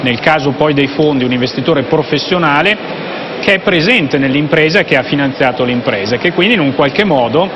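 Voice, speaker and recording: A man in his thirties, a professor, giving measured expert answers. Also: fairly high pitch, expressive. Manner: measured, explanatory. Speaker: professor, interview guest. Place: convention hall TV set, indoors. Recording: muffled broadcast audio with background noise.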